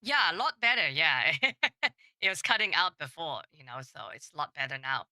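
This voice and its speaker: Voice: mid-range voice, big pitch swings, moderate pace, pushed and bright, no echo. A woman's voice through a voice changer, a scambaiter talking casually and hesitantly as she plays along on a call with a scammer. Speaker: scambaiter posing as a victim. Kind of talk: live-streamed call with a scammer.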